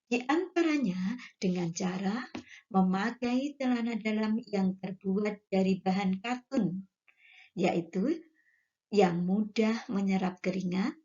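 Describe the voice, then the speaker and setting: A woman teacher gives a slow classroom lesson, carefully reading exercise questions aloud and then supplying the answers. Her medium-pitched voice has a dark tone, and the audio is dull.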